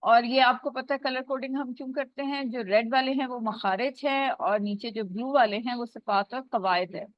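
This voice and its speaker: A woman's voice: a little high, fairly even intonation, dry recording. A woman teaching Quran recitation rules in an online lesson, explaining step by step. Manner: drawn-out recitation of Arabic words. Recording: dull dry lo-fi recording.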